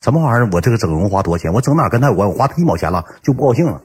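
A man voicing an annoyed young woman, speaking curtly and grumbling in a low voice. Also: sing-song, very fast, a little mellow, breathy edge, full character voice. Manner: curt, grumbling.

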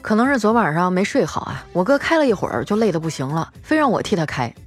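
A woman's voice: fairly low pitch, big pitch swings, fast, faint music behind. A female host telling scripted comic stories in a playful way, chuckling between jokes.

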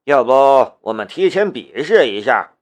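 A man's voice: medium pitch, very animated, moderate pace. A man voicing a swaggering young martial-arts clan member who provokes his rivals. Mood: provoking.

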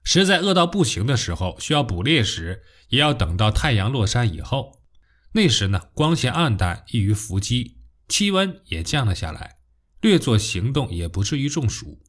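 Male narrator, nature documentary style, scripted science storytelling, medium pitch, highly varied intonation, expressive emphasis. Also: normal speed. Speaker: narrator of a popular science audiobook.

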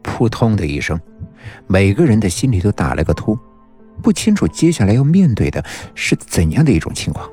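A man reading a novel aloud with steady, measured storytelling. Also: lowish voice, soft background music. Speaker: audiobook narrator. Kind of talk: scripted novel narration.

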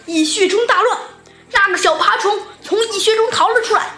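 A woman narrating a children's audio story in a lively, chatty way. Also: extremely high pitch, fairly quick. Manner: lively, chatty with filler particles. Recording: echoey room with background music.

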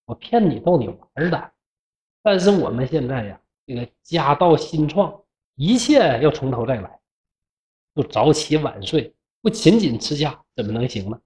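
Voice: mid-range voice, big pitch swings, normal speed, a little mellow, natural voice. Red Jade, narrator voicing a fox spirit woman. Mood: calm. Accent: Northeastern Mandarin. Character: gentle fox spirit woman, capable and devoted. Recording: dull lo-fi recording.

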